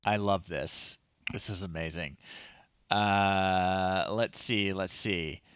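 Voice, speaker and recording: While playing on a livestream, a man in his thirties thinks out loud with wry, chatty commentary and reads on-screen text aloud to himself. He speaks slowly and clearly in a low, resonant, fairly even voice, and the lo-fi recording has no room sound.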